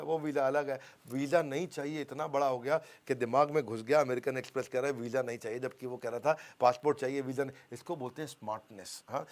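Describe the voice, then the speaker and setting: A man giving a motivational business seminar, emphatic, repeating key phrases and having the audience finish his lines. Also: medium pitch. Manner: call-and-response, has the audience finish lines. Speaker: business coach.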